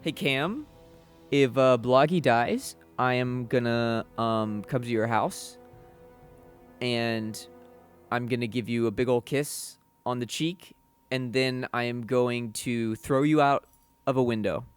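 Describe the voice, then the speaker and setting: A man's voice: mid-range voice, slow pace, faint music behind. A man playing a tabletop game, joking and role-playing casually in a playful, mock-serious way.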